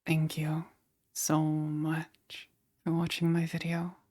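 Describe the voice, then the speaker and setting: A woman ASMR performer speaking to her listeners in a soft, breathy whisper. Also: low-pitched, monotone, slow.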